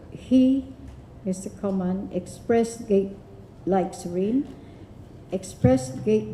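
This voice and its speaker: A woman from the Philippines giving a formal tribute speech at a forum, with measured, deliberate delivery. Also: medium pitch, warm tone, a little hiss or hum. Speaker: forum speaker. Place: university lecture room. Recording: echoey lecture room.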